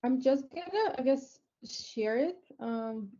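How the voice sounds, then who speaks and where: High-voiced woman on a video call. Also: lively intonation, slow pace, warm tone. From Lithuania. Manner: chatty, many "um" fillers and restarts. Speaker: webinar speaker, tech company co-founder. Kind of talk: casual webinar presentation. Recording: slightly dull online call audio.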